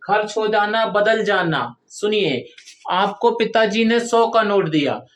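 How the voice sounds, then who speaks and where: A male teacher explaining Hindi grammar in a slow, repetitive classroom style, stressing key words and asking his students rhetorical questions. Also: sits high, a bit bright, reverberant.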